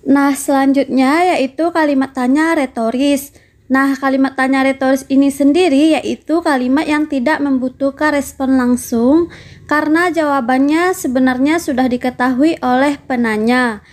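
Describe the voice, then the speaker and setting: A woman's voice: high-pitched, fairly even intonation, normal speed. A woman narrating a primary school lesson, talking to the pupils in a friendly way and putting questions to them. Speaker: teacher.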